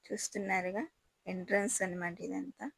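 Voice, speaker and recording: Admiring woman vlogger, gravelly voice. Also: mid-range voice, little pitch movement, fairly quick, fairly bright tone, no room sound, low-quality recording. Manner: chatty and admiring, addresses viewers directly. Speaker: travel vlogger touring a palace. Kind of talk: casual guided tour narration.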